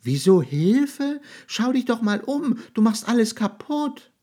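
A tiny, brave mouse girl with a shrill, urgent squeak of a voice, as a male storyteller puts her on. She sounds high and piping, far above a grown man's natural range, with a slightly breathy, soft edge from the reading voice behind it. A storybook character, small but determined. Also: big pitch swings, takes it slowly, heavily acted. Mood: reproachful.

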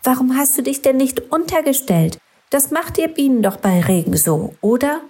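A woman voicing a kind, cosy female worm in a children's storybook, talking in a caring, gently chatty way. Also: sits high, big pitch swings, moderate pace, husky, voice pushed up, exaggerated voice.

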